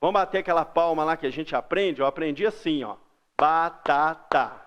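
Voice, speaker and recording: Brazilian male teacher, fairly high voice, patient lesson delivery that stretches out example words. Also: lo-fi sound. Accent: Brazilian Portuguese. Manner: patient, drawn-out example words, frequent "ó" and "beleza?". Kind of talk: recorded school lesson for kids.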